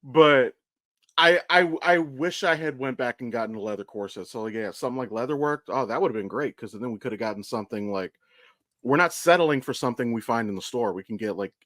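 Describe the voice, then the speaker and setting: In brisk, animated speech, a man with a mid-range, slightly bright voice co-hosts a podcast. He seems to be an American in his thirties, rambling casually, cursing, and repeatedly correcting himself mid-thought. The studio-quality audio has no echo.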